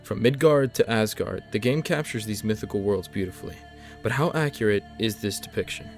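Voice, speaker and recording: Male video-essay narrator, lower-pitched, scripted explainer read over a music bed. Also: a little fast.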